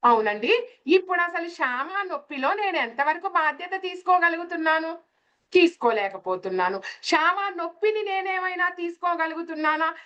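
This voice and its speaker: A woman's voice: very high-pitched, animated, normal speed, sharp tone, lo-fi sound. A woman teaching spiritual lessons through everyday stories, often asking her listeners questions. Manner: asks the listeners questions with tag words. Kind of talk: explaining scripture with everyday stories.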